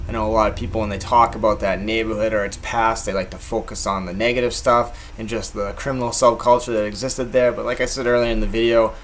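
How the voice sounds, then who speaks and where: A man's voice: on the low side, level tone, brisk, few pauses, slight background noise. A man from the Massachusetts North Shore hosting an informal history video from a living room, plain-spoken and chatty with viewers. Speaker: video host. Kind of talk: informal local-history narration and chat.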